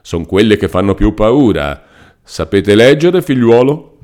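A man's voice: lowish voice, very animated, a little slow, a little mellow. A man voicing a pompous, fussy middle-aged country lawyer who blusters and reads legal texts theatrically.

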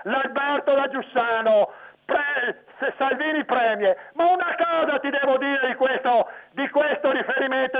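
A woman with a northern Italian Veneto accent phoning in her opinion, emphatic and repetitive, with halting phrasing. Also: high-pitched. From Veneto, Italy. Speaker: phone-in listener. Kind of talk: spontaneous phone-in opinion. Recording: tinny phone line with crowd murmur.

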